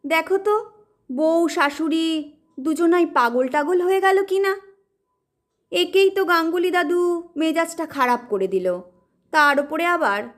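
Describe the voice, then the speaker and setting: A hot-tempered young man who grumbles and complains indignantly, as a woman reader acts him out. The voice is high for a man and the pace is slow and careful. It comes from a storybook reading. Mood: annoyed.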